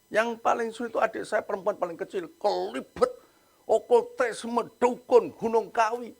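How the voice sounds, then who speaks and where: Gravelly, husky preacher man. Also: sits high, moderate pace. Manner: animated storytelling, acts out quoted voices. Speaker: pastor. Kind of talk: sermon.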